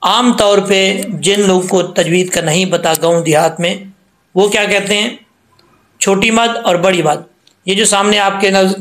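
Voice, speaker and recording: A man teaches Quran recitation, drawing out syllables and repeating them patiently. His voice sits high, and it rings around a reverberant room. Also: a bit bright. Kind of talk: tajweed lesson explaining letter sounds.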